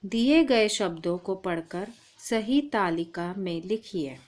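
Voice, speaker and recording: A woman's voice: mid-range voice, lively intonation, slow, a little mellow. A woman teaching a primary-school language lesson, patiently calling the child "beta". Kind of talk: slow, deliberate primary-school Hindi lesson.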